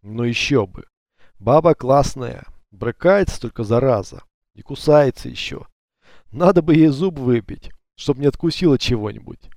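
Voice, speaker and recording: A man's voice: mid-range voice, lively intonation, moderate pace, darkish tone, no echo, clean studio sound, lightly acted. A man reading a callous bandit leader. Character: cruel bandit leader Pasha, curt and callous.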